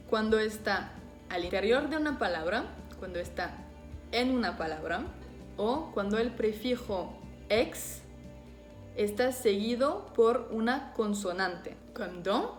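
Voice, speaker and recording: Slow-speaking woman teaching pronunciation. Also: mid-range voice. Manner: slow, careful, deliberately modelling French words. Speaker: French teacher. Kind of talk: explaining pronunciation to learners. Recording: echoey room.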